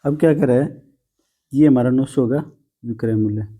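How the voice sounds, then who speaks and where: A man's voice: mid-range voice, normal speed, warm tone, breathy edge. A man teaching a math lesson to students, patient and coaxing, often calling them "beta" and teasing them a little.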